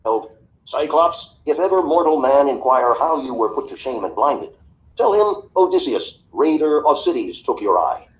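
A man voicing a boastful, defiant sea captain who shouts proud taunts at a giant, heard on a dull recording with faint hiss. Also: medium pitch, very animated, normal speed, voice pushed up, lightly acted. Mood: taunting.

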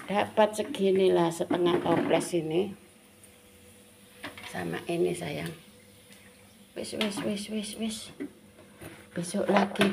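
Chatty older Javanese woman, gravelly voice. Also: fairly low pitch. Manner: chatty, affectionate, calls viewers "sayang" constantly. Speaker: home cooking vlogger. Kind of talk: casual chat while frying crackers. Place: home kitchen. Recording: home phone video with background noise.

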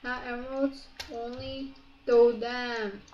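A woman co-playing in a casual gameplay chat, bossy and teasing, snapping out quick commands. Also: fairly high pitch, steady tone, a little mellow, dull audio. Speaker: co-player. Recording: echoey room.

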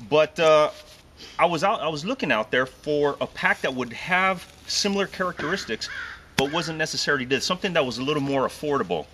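A middle-aged host talks gear outdoors in a teasing, animated way. His pitch swings widely and his tone is bright, picked up by a camera several feet away with faint open-air ambience behind. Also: brisk, slight background noise. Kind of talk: casual show-and-tell chat. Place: outdoors in a wooded park.

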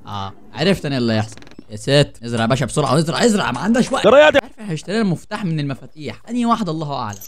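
Talking very fast in a slightly high, animated voice, a young Egyptian gaming host narrates a horror game for his audience. He cracks jokes, jumps at scares, and chats with viewers, his accent clearly Egyptian Arabic.

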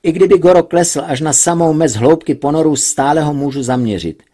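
A man with a husky voice voicing a tense male pilot who reports distances in clipped sentences. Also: a little high, warm tone, voice pushed up, close to an everyday voice. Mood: reporting.

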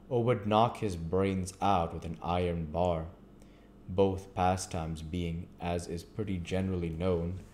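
A man reading a classic novel aloud at a measured pace, with the occasional stumble. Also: low voice, darkish tone, a little hiss or hum. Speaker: audiobook reader.

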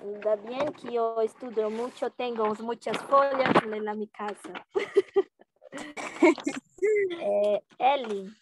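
Slow-spoken Brazilian woman teaching letters. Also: fairly high pitch, steady tone, background noise. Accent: Brazilian Portuguese. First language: Brazilian Portuguese. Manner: slow, drawn-out letter sounds, mixing Spanish with Portuguese. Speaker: Portuguese teacher. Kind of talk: slow language lesson.

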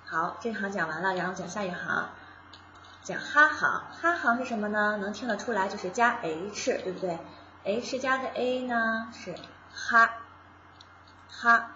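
A woman teaches beginners in a casual, patient way, taking each step slowly and repeating sounds aloud. Her voice is bright and forward. The recording sounds roomy and a little dull. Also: mid-range voice, slight background noise. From China. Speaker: Japanese language teacher.

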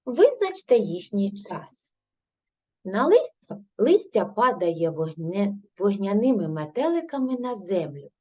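Slow patient Ukrainian schoolteacher woman. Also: mid-range voice, darkish tone, breathy edge. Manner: slow, patient questioning and answering herself. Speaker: primary school teacher. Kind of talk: recorded grade-three language lesson. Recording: dull lo-fi recording.

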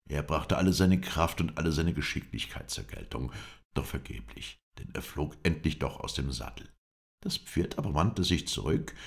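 A man narrates an audiobook in a very deep, gravelly voice. His delivery is measured and expressive, with lots of movement in pitch. He reads a first-person adventure story. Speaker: audiobook reader.

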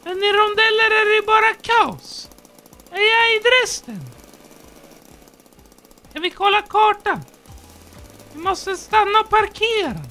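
A man voicing a squeaky, childlike male character who keeps up a fussy, silly running commentary while playing a game. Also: lively intonation, long pauses, bright, forceful tone, slight background noise, exaggerated voice. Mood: chattering.

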